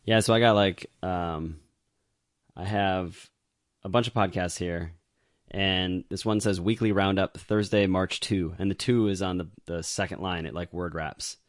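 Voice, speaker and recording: A man with a very low voice chats casually on a podcast, rambling with fillers and laughing easily. His voice sits close and dry on the mic, with no room sound. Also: steady tone, a little slow, no echo. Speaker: podcast co-host. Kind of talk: casual chat.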